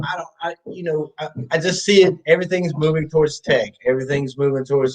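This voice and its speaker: A man from Ohio hosting a podcast conversation, talking casually and haltingly, with many fillers and restarts. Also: on the high side, rough recording. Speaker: podcast host.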